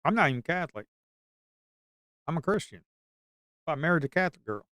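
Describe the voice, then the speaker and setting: A middle-aged man with a Southern Appalachian drawl chats on a live trading stream, slipping into long, crude, folksy stories. His voice is smooth and resonant, a bit high for a man. The sound is dry and close, with no room echo. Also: very animated, fairly quick, fairly bright tone. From Blue Ridge Mountains, US. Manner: rambling storyteller, folksy and crude, bursts into hollers. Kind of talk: casual live-stream chat.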